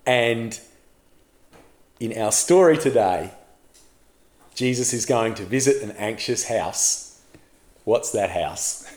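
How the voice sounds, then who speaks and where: A man preaching a sermon as a pastor, telling the story in a lively way and putting questions to the congregation. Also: on the low side, slow pace, pauses often, echoey room.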